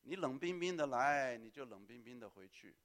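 A man preaching a sermon as pastor, lively and often calling on the congregation to answer, with English words mixed in. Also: medium pitch, moderate pace.

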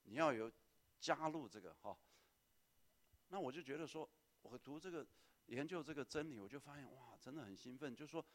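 A male pastor delivers a lively sermon. He keeps calling on the congregation to answer him and slips English words into his speech. His voice sits at an ordinary pitch. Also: a little fast, long pauses.

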